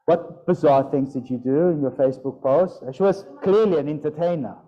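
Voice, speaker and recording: A man's voice: fairly high pitch, moderate pace. A man teaching a yoga and Sanskrit pronunciation class, playful and demonstrating sounds aloud. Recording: dull lo-fi sound.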